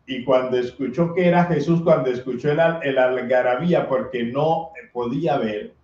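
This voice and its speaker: A priest reads the gospel and gives a homily, speaking earnestly and sometimes shouting out the voices of people in the story. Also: male voice. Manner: slow, earnest preaching that acts out voices from the story in a high, loud shout. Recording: echoey, slightly dull recording.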